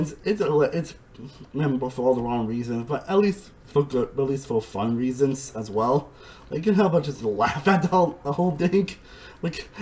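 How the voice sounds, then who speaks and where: A man talks through a casual review monologue in a rambling, excitable way, restarting sentences and swearing as he goes. His pitch moves a lot. A faint hum of noise sits under the recording. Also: low-quality recording. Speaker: reality TV reviewer.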